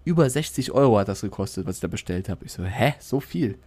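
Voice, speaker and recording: A man's voice: on the low side, lively intonation, very fast, dark tone. A man co-hosting a podcast, chatting casually and telling self-mocking anecdotes with frequent laughter. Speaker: podcast co-host. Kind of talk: casual chat.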